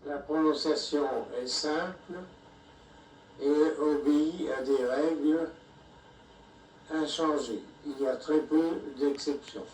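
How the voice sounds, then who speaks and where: A man narrates a language lesson at an extremely slow, deliberate pace, with a somewhat high voice. He sounds distant from the microphone in an echoey room, with faint background noise underneath. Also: steady tone, darkish tone. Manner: measured, deliberate, reads out punctuation. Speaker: language lecturer.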